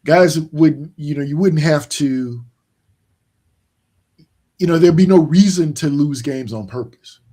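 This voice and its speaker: Mellow-voiced man talking sports. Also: fairly high pitch. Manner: rambling, many restarts and fillers, slow emphatic points. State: yawning, tired. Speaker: podcast host. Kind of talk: casual sports chat.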